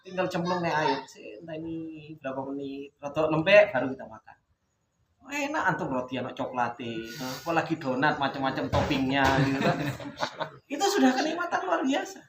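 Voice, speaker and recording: A man's voice: on the high side, lively intonation, normal speed. A young man giving an informal religious talk, telling stories and asking rhetorical questions. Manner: storytelling with rhetorical questions, Javanese words mixed in. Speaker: religious teacher. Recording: echoey room with background noise.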